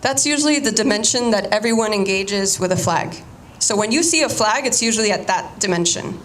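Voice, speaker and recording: Speaking informally to a room about her artwork, a young artist from a Cuban-American family in the United States, Spanish being her first language, keeps doubling back and restarting her sentences. Her voice is middle-pitched, animated, a bit bright and a little fast, with a faint hiss behind it.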